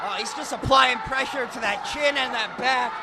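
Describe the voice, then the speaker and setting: A man calling live wrestling as an excitable, emphatic play-by-play commentator. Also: very high voice, normal speed, gravelly. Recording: loud crowd noise behind. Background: wrestling event crowd.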